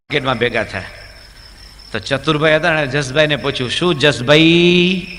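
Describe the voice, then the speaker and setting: A man's voice: medium pitch, fast, pushed and bright. A man, a swami, telling funny stories in a religious discourse, chatty and asking the audience questions. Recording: echoey hall, faint background hum.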